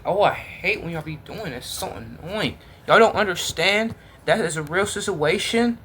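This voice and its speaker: A man's voice: sits high, expressive, normal speed, a bit bright, slight background noise. Exasperated man reacting to a video. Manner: exasperated, repetitive, talks straight to viewers. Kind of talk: casual reaction commentary.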